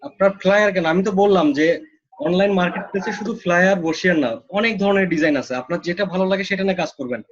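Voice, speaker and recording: A man's voice: high voice, very fast. A man's choppy, breaking-up call voice. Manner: explains step by step, often checks "okay?". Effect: audio breaking up over an online call. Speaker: online design instructor. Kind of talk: live online class. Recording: muffled internet call audio.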